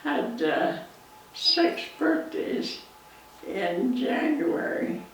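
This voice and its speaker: A woman in her nineties with a Canadian accent, reminiscing in an interview in a halting way, pausing mid-sentence. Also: a little high, very animated. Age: 90s. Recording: echoey, distant mic, faint noise.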